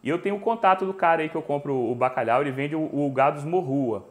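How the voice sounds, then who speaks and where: A man in his forties with a Brazilian Portuguese accent hosts a live cooking stream from his home kitchen, talking fast in a rather high voice. He tells animated stories and chats and jokes with viewers, recorded on a lapel mic.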